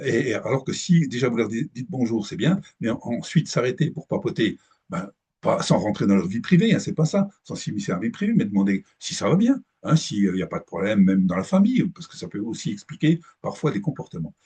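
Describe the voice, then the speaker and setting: A man's voice: lowish voice, big pitch swings, brisk, dark tone, husky. A middle-aged man giving a live management presentation to an audience, hesitant with many restarts. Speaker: speaker at a business breakfast talk.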